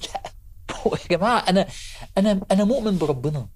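Fast-talking Egyptian preacher man. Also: high voice, expressive, darkish tone. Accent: Egyptian Arabic. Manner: emphatic storytelling, repeats key phrases, addresses listeners directly. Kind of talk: televised motivational sermon.

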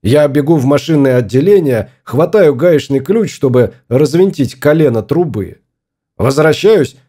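A man's voice: a little high, mellow. Man reading a grumbling stubborn husband. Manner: grumbling, obstinate. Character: stubborn fussy husband, spaceship explorer.

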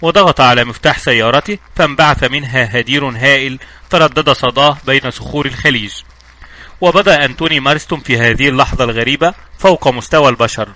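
A man narrating a novel aloud as an audiobook, in a brisk storytelling manner with small slips and restarts. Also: medium pitch, pushed and bright.

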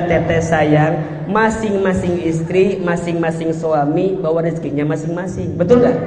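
A man with a Sundanese accent preaching to women in an animated, joking manner full of playful asides. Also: high-pitched. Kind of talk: Islamic lecture to women. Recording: echoey hall with background noise.

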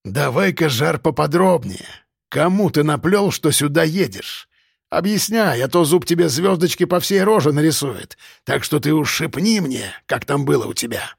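A man's voice: fairly high pitch, lively intonation, moderate pace, vocal fry, breathy edge, dry recording, full character voice. Sneering criminal boss, mocking and crude, a male reader doing it, dry close read. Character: menacing gang boss, older man, sneering.

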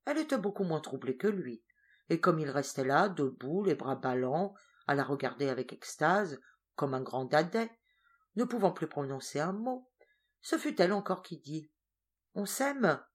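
Brief: a woman reading a novel aloud as an audiobook, calm and measured, with a lowish voice. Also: breathy edge. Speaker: audiobook reader. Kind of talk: audiobook narration.

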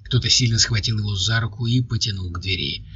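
A man narrating an audiobook in a steady, even storytelling voice. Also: on the low side, fast talker, breathy edge, dry recording. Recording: dry, dull lo-fi recording.

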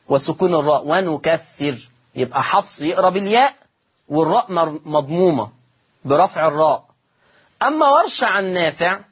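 A woman with an Egyptian accent teaching Quran recitation as an explanatory lesson. She repeats each point, asks the class rhetorical questions and slowly draws out the words she quotes. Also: on the low side, breathy edge. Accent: Egyptian Arabic.

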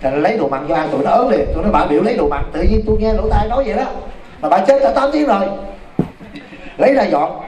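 A man's voice: high-pitched, fast, over a noisy crowd. A man, a Buddhist monk, telling a story in a dharma talk and calling out to his listeners. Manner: animated, exclaims to the audience. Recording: echoey hall from far off, noisy.

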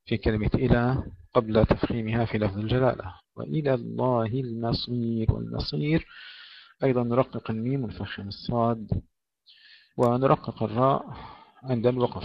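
Gravelly-voiced male Arabic tajweed teacher. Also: mid-range voice, dry recording. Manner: slow deliberate demonstration of pronunciation, drawn-out recited words. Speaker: Quran recitation teacher. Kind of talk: tajweed lesson with recited verses. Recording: dull lo-fi recording.

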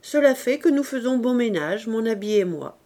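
A woman's voice: a little high, expressive, moderate pace, warm tone. A woman reading the part of a jovial young man in an audiobook, talking cheerfully and chattily.

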